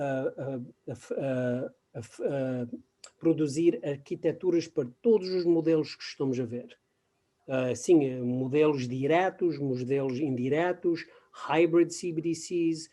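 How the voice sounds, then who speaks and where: Halting and searching for words, a guest expert delivers a webinar presentation in conversational form. He has a mellow, slightly high male voice and speaks non-native Portuguese with English terms woven in.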